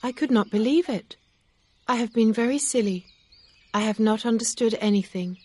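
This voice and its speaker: A woman reading aloud, voicing an earnest young gentlewoman who speaks with emotion. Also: fairly high pitch, moderate pace, slightly rough, pitched above the performer's own voice.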